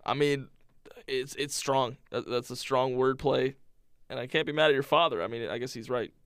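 A man's voice: medium pitch, fairly even intonation, normal speed, fairly bright tone, clear, resonant tone, dry recording, clean studio sound. A young man co-hosting a podcast, bantering casually with a self-deprecating, joking manner. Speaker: podcast co-host. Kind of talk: casual chat.

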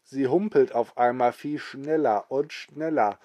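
A man's voice: medium pitch, measured pace, warm tone, no echo. A man improvising a bedtime story for a child, with hesitations and sound effects.

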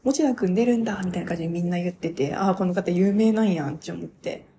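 A young woman talking casually on her own radio show, reviewing a stage play as an excited, gushing fan who laughs often. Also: on the low side, quick pace, slight background noise. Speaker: podcaster.

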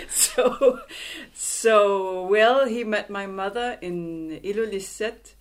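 Language instructor, woman, middle-aged; unhurried, halting delivery with frequent restarts, sitting in an office. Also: medium pitch. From Greenland and Denmark. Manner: slow, halting, thoughtful with many restarts. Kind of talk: casual interview conversation. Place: office in a theatre building.

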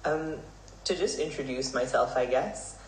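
Young male podcast guest in his 20s, earnest and measured, recorded off-mic in a roomy space. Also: mid-range voice. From Hong Kong. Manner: earnest, measured storytelling with fillers. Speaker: guest, Vedic pandit. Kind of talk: podcast interview answers. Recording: roomy, somewhat distant mic, faint noise.

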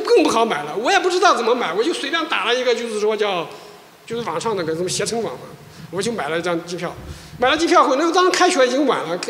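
A male pastor, sharing an animated personal testimony in a sermon, often restarting his sentences. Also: very high-pitched, slight background noise. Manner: animated storytelling, frequent restarts. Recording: echoey church hall.

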